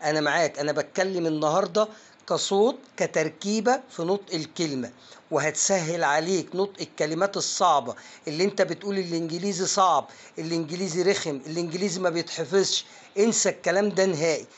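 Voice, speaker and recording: Emphatic Egyptian teacher, slightly high voice. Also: male voice. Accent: Egyptian Arabic. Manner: emphatic, coaxing, drills words slowly syllable by syllable. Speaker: English pronunciation teacher. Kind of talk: energetic online lesson.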